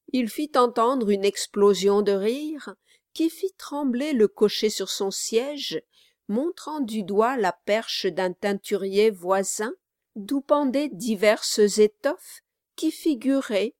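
A woman narrating a classic novel in a measured, deliberate reading. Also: mid-range voice, lively intonation, darkish tone, no echo, clean studio sound. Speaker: audiobook reader. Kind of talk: scripted literary narration.

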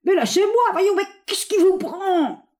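A woman voicing an anxious man who protests in a high, strained, half-strangled voice. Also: big pitch swings, brisk, dark tone. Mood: protesting.

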